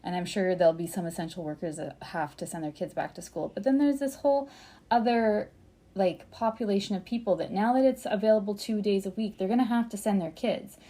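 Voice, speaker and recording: A woman co-hosting a podcast, animated and exasperated in casual chat. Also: medium pitch, a little fast. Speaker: podcast co-host.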